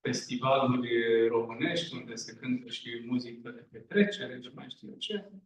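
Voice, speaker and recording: Musician talking from a distant stage. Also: male voice, mid-range voice. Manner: warm, earnest, with hesitations. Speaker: band musician introducing songs. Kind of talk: informal stage talk to an audience. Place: large echoey hall. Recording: echoey hall from far off.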